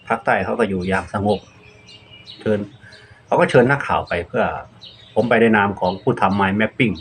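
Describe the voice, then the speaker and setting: A man's voice: on the low side, fairly bright tone, slight background noise. A middle-aged man from northeast Thailand with an Isan accent, chatting casually as a channel host while answering viewer questions and mixing Isan words into his Thai.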